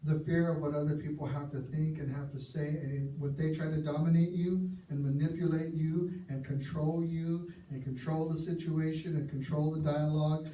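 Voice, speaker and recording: A man's voice: fairly high pitch, level tone, normal speed, few pauses, mellow. A male pastor preaching a sermon in an earnest, emphatic way, repeating key phrases for effect. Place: church sanctuary. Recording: echoey church recording from far off.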